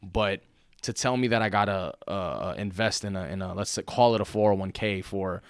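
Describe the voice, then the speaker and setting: A man in his late twenties co-hosting a podcast, chatting casually in an animated, profane, slangy way. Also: low voice, fairly quick, smooth, no room sound, clean studio sound. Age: late 20s. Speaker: podcast co-host.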